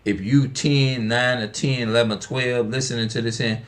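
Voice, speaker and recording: A man's voice: medium pitch, steady tone, moderate pace. A man in his forties speaking in an unscripted monologue, emphatic and repetitive, often restarting his sentences and asking rhetorical questions. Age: 40s. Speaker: online video speaker.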